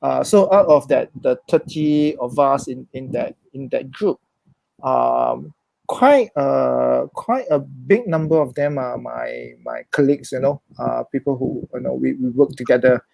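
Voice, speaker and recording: A social worker whose first language is Chinese speaks English as an interview guest, thoughtful and hesitant with many restarts in a reflective conversation. His mid-range voice is very animated, a little slow, creaky, and darkish in tone. The low-quality recording has no echo.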